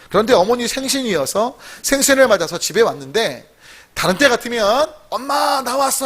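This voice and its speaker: A man's voice: on the high side, a bit bright. A man pastor preaching a sermon, telling a story and questioning the congregation. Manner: rises to emphatic exclamations.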